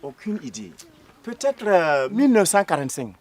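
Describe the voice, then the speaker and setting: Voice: mid-range voice, sing-song, moderate pace, darkish tone. An actor playing a pious quiz contestant, with a Burkinabè French accent. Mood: plain.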